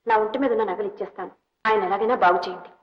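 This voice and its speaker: A kind, selfless young woman, played by a woman, speaking quickly and gently as she pleads for someone else. The sound is a dull old film soundtrack. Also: mid-range voice, lightly acted. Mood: gentle. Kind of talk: 1960s Telugu film drama.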